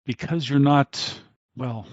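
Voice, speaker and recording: A man's voice: medium pitch, slow, no room sound, lo-fi sound, voice pushed up, lightly acted. Man doing a flustered, dignified old mage. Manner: hesitant, polite, awkward.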